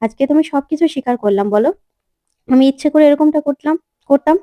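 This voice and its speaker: A woman's voice: sits high, fast talker, mellow, dry recording, voice pushed up, close to an everyday voice. A woman reading the lines of a stubborn young husband in a retold serial episode, in a firm, insistent way. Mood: pleading. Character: young man, a new husband, stubborn and protective.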